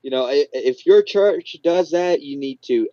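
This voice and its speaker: A man's voice: on the high side, lively intonation, unhurried, mellow, no room sound. A man joining a film review as a guest over a video call, laid-back and enthusiastic. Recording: dull lo-fi call audio.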